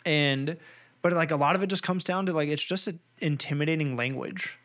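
Young guy in his 20s rambling on a podcast, lots of ums, a bit high-pitched. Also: brisk, fairly bright tone. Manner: rambling, filler-heavy, jokey. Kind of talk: casual podcast chat.

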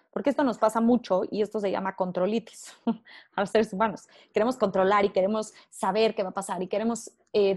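Woman chatting, animated, acts out little inner voices, slightly high voice. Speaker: guest speaker. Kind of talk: casual conversational explanation.

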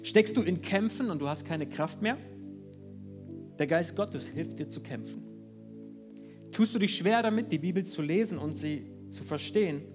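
High-voiced man preaching a sermon. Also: normal speed, pauses often, music in the background. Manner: earnest, animated preaching with direct address. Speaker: pastor. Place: church service.

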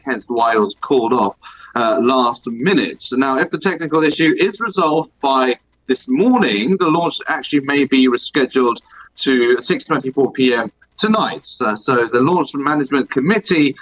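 A man speaking as a news correspondent over a low quality video call, sounding distant and echoey, explaining plainly with many fillers. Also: a bit bright, muffled recording. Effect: low quality video call audio, distant and echoey. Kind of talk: live news discussion. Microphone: video call without working earphones.

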